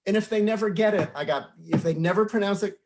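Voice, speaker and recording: A man's voice: sits high, fast talker, a little mellow. Seasoned older male teacher, earnest. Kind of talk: panel discussion remarks.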